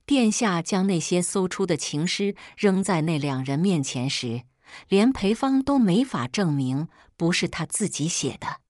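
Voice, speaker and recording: A woman reading a first-person story as narrator, in a measured, even storytelling manner. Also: lowish voice, no echo, clean studio sound.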